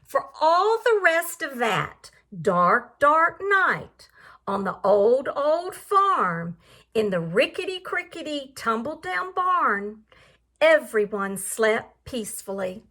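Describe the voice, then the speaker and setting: Her voice sits high as she reads a picture book in an animated, sing-song manner, much like a teacher. Along the way she pauses to pose questions and explain vocabulary to her young audience.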